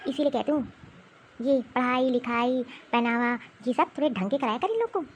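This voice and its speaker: A woman voicing a sharp-tongued, scornful older grandmother in a cartoon who taunts her granddaughters. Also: high voice, expressive, moderate pace, a little hiss or hum. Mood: scolding. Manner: scolding, taunting. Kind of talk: cartoon voice acting.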